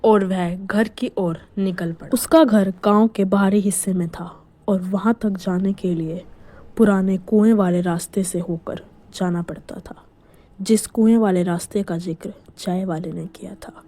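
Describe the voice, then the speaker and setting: A woman narrates a spooky village tale with a dark, mellow voice. She often sinks into near-whispers to build suspense. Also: mid-range voice, fairly even intonation, a little slow. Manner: hushed, suspenseful storytelling. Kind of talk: scripted horror story narration.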